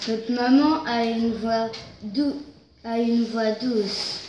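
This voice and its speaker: A woman voicing three young children teasing their mother and refusing to open the door, in a slow, sing-song way. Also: a little high, darkish tone, a little hiss or hum. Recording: dull, roomy recording.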